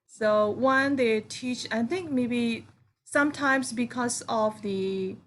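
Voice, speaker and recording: Higher-voiced woman teacher, noisy background. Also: fairly bright tone. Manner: halting explanations with checking "right?" and "you know". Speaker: English teacher. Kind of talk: informal class discussion. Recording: clear background noise.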